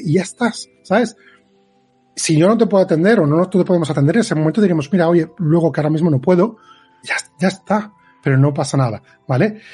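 A man's voice: on the high side, a little mellow, breathy edge. A man with a Spain Spanish accent, a guest game developer giving emphatic career advice on a podcast, often checking in with the listener. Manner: emphatic, advisory, checks in with "¿vale?" and "¿sabes?".

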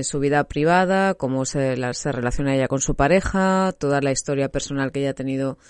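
Woman rambling about a show, lowish smooth voice, dry close sound. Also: no room sound. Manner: chatty, laughs often, many fillers. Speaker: podcast co-host reviewing a series. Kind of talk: casual chat.

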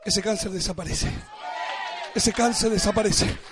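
A male pastor delivering a fervent sermon that swells into shouted, sing-song exhortation and repeated declarations. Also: high-pitched, unhurried, a crowd in the background, noisy background.

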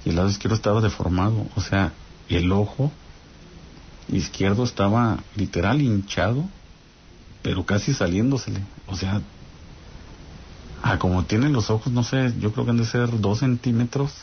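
Telling a creepy personal tale in a relaxed way, this Mexican-accented man speaks at normal speed with a lowish voice and pauses often. He talks right to his audience, frequently checking in with "¿no?" as he goes through his casual ghost story. The sound is lo-fi, with slight background noise.

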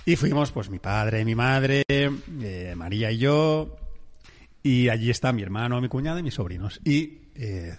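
A man hosting a podcast and telling a story with animated quoted voices. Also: medium pitch, unhurried, in a large hall. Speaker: podcast host. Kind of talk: casual chat.

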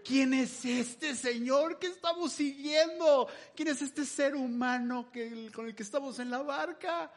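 A preacher acting out terrified male disciples crying for help in a storm, their voices pitched up far above his own, loud and frantic, pleading in a high-strung rush. A comic sermon retelling. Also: unhurried, hardly any pauses. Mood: awed. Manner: frantic shouting pleas.

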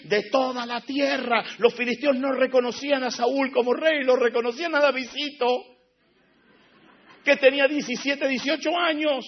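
A high-voiced, husky male pastor, preaching with big dramatic swings from near-whispers to shouts. The sound is dull and lo-fi. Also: steady tone, moderate pace. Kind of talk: sermon.

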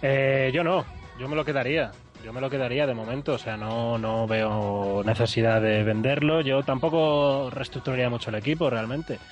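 A man's voice: medium pitch, steady tone, normal speed, few pauses, dull audio, faint music behind. A man from Argentina with an Argentine accent, co-hosting a show in casual, ironic banter with many restarts.

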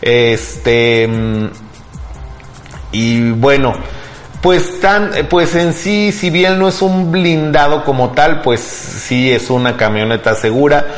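A man's voice: mid-range voice, takes it slowly. A middle-aged man with a Mexican accent, talking as a host in a casual, colloquial tech news chat and often tagging on small questions for agreement. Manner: conversational, colloquial, seeks agreement with tags. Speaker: podcast host. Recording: background music.

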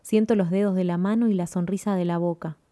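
A woman reading a first-person story aloud in a calm, measured, lyrical way. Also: lowish voice, no echo. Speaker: narrator.

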